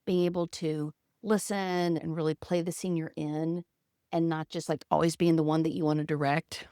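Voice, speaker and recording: A woman's voice: low-pitched, little pitch movement, normal speed, dark tone, smooth, no room sound, clean studio sound. A woman guest, an actor and coach, talking reflectively and expressively in an interview. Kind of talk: conversational interview.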